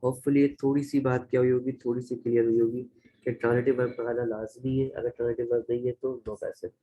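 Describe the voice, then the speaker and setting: A man's voice: mid-range voice, level tone, fast talker, mellow, rough recording. A man with a Pakistani accent teaching a grammar lecture, explaining step by step and repeating each example. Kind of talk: classroom-style grammar lecture.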